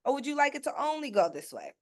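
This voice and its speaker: A woman's voice: high voice, big pitch swings, quick pace, no room sound. Woman, financial educator, sales-style webinar, emphatic, rhetorical questions, dry close sound. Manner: checks in with listeners with a frequent "okay?".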